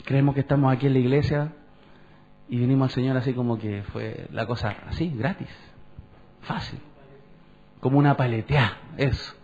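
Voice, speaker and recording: A pastor, preaching conversationally and asking the congregation questions. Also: male voice, mid-range voice, moderate pace, pauses often, darkish tone. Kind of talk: sermon. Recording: dull lo-fi church recording.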